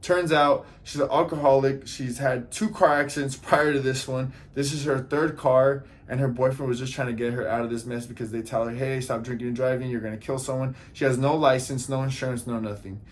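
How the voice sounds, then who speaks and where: A man's voice: medium pitch, brisk, few pauses, slight background noise. A man in a casual storytime vlog, earnestly retelling events and acting out what people said, often turning to talk to his viewers directly. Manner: animated retelling, acts out dialogue. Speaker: vlogger.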